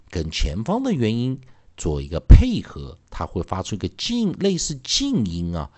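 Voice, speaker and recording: A man's voice: fairly low pitch, a little mellow. A man who teaches English phonics in a recorded lesson. He is patient and repeats each sound many times over.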